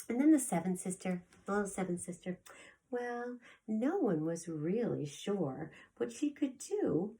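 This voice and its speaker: A preschool teacher, a woman with a breathy, medium-pitched voice, reads a story aloud to young children in an expressive, deliberate way, often sinking toward a whisper. She speaks directly to the kids and adds gasps and sound effects.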